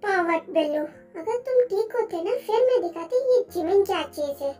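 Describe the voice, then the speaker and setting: A woman's voice: very high-pitched, expressive, normal speed, warm tone, soft background music. A woman voicing an emotional, remorseful young woman in an amateur fan dub, speaking in a pleading way. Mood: scolding.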